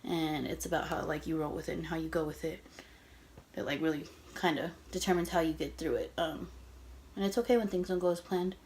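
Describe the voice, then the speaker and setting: A woman's voice: sits low, fairly even intonation, fairly quick, darkish tone, a little hiss or hum. Breathless chatty young woman vlogging. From Texas, USA. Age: 20s. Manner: casual, rambling, many fillers. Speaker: beauty vlogger. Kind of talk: get-ready-with-me vlog chat. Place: her old bedroom at home.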